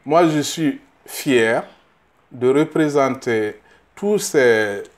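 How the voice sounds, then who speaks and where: A middle-aged man from Burkina Faso answers interview questions as a candidate. He speaks slowly and haltingly, repeating small words while he searches for the next one. He grows emphatic on his key points. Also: mid-range voice, lively intonation. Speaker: political candidate.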